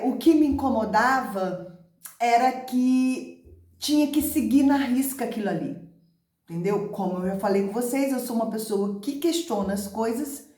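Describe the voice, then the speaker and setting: A middle-aged Brazilian teacher speaks to the camera about how she learned to read and about literacy methods, emphatically repeating key words. She has a Brazilian Portuguese accent and a warm, fairly high voice, recorded in an echoey room.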